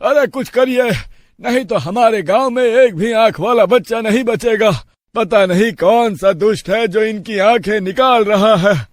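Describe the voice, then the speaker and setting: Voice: mid-range voice, measured pace, natural voice. Narrator doing an anxious village man. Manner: urgent, anxious pleading. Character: worried adult male villager, urgent.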